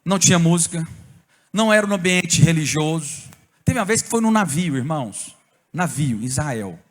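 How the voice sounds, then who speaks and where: Brazilian male pastor, high-voiced, lively sermon storyteller, church hall reverb. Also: moderate pace. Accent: Brazilian Portuguese. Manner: animated storytelling preacher, bursts of shouting and tongues.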